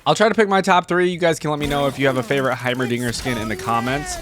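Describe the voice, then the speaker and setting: A young man with a mid-range, slightly bright voice talks very fast, giving casual running commentary as a reaction host. He thinks aloud and breaks off into exclamations over music and game audio.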